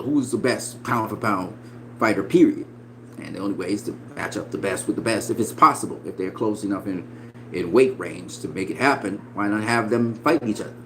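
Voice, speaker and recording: A man in his forties giving casual, profane boxing opinions, swinging between loud emphatic bursts and quiet asides. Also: fairly low pitch, slight background noise, poor audio. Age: 40s. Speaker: boxing commentator.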